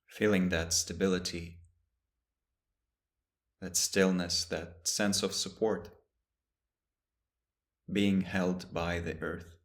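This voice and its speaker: Leading a guided meditation, a man speaks in a very deep, low register. He takes his time, pausing at length after each short phrase, and keeps his delivery soft and steady the whole way through.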